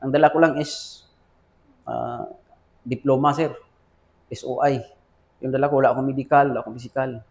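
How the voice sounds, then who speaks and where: A man's voice: mid-range voice, fairly even intonation, fairly quick, gravelly, pauses often, darkish tone. A man with a Filipino accent, an army officer recounting his career in a casual interview, often saying sir and quoting past conversations. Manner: addresses listener as sir often, quotes dialogue.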